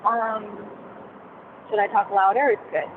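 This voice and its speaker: A woman's voice: medium pitch, level tone, takes it slowly. A woman on a phone call from her moving car, sharing casually with a group and rambling with many fillers and restarts. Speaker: participant in a women's discussion call. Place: driving in a car. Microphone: headphones on a call. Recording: tinny phone line with car noise.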